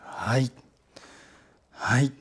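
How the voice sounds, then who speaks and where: A man giving a talk to a live audience, telling an anecdote in a chatty way and polling the listeners by show of hands. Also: extremely slow. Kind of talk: animated storytelling lecture.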